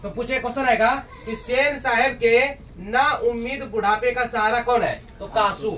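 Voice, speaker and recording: A man's voice: very high-pitched, steady tone, moderate pace, pushed and bright, far from the mic, slight background noise. A man teaches a textbook story. He keeps putting questions to his students, answers them himself and acts out the lines of the characters. The mic sits some way off from him.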